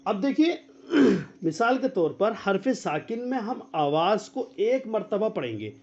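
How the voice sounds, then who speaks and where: A man with a high, very animated voice leads an online Quran class. He quizzes his students and drills letters slowly. The sound is dull and lo-fi, like a video call. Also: creaky. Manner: quizzes students and repeats their answers. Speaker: Quran teacher. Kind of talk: online tajweed lesson.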